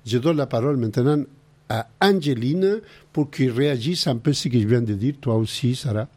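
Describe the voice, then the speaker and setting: A man's voice: mid-range voice, fairly quick, a little mellow. A middle-aged man with a Chilean Spanish accent, hosting a call-in radio talk show and earnestly giving practical advice.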